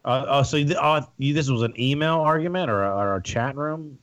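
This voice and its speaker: Man, middle pitch, casual host, easygoing questions, dry recording. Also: fairly quick, fairly bright tone, no room sound. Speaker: podcast host. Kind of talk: casual podcast chat.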